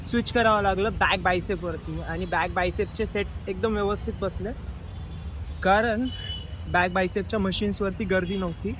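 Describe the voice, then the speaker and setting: A man's voice: high-pitched, normal speed, background noise. A young man chatting casually in his daily vlog, mixing English words into his talk, recorded on a phone. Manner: relaxed chatty, mixes English words into Marathi. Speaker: vlogger, aspiring actor. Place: Mumbai, indoors and out on the street. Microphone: phone held while vlogging.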